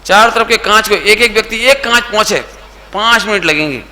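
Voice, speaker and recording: Bright high-voiced man preaching. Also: normal speed. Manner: asks the audience questions and coaxes answers; mixes English words into his talk. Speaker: Jain preacher. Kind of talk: sermon to a youth camp.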